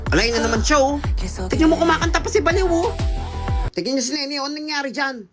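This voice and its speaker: A woman narrating a comedy skit in a loud, excitable way, often shrieking and joking. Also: high voice, fast talker, loud music behind the voice.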